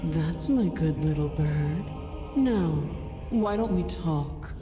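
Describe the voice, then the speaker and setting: A woman voicing a towering giant princess in a game, her booming voice magically amplified, speaking in an imperious, condescending way. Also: expressive, slow. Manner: imperious, purring, talks down to the listener. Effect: booming, magically amplified voice with a long echo. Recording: long hall reverb from game audio. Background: game music.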